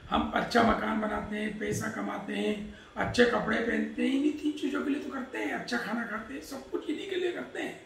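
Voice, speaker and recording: This Vedic speaker has a high-sitting, brisk, somewhat bright voice as he recites Sanskrit verses and explains them in Hindi. In an explanatory style, he asks himself questions and then answers them. A distant mic in an echoey room picks up slight background noise.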